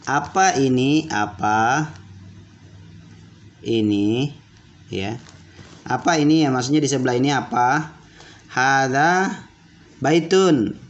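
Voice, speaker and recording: A man teaching basic Arabic to children, repeating words slowly and checking that they understood. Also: mid-range voice. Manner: repeats words slowly and asks questions back. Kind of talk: classroom lesson for children. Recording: dull lo-fi audio with faint room noise.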